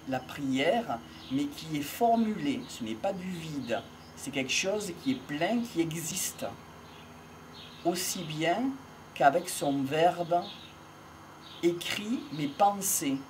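An older man reflects aloud in a slow, measured way, pausing between phrases. He speaks into a handheld mic while seated in an open country field. Faint birdsong and outdoor air sit softly behind his voice. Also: a little high, lively intonation, slight background noise. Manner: measured, pausing often, philosophical. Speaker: speaker on voice and communication. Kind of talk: slow reflective monologue to camera. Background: faint outdoor ambience with birds.

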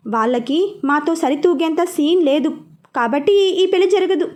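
A proud, blunt middle-aged father from a read-aloud story, as a woman storyteller voices him. Her voice stays high and light even in his lines, so he sounds like the teller's own voice, a little firmer. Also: moderate pace. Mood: haughty. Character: stern wealthy father, middle-aged man.

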